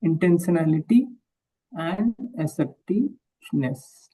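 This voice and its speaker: Book reader; slow and mellow, halting, rereads lines. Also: medium pitch, animated, breathy edge, far from the mic, low-quality recording. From India. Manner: halting, rereads and repeats phrases. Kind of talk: reading a book aloud and discussing it.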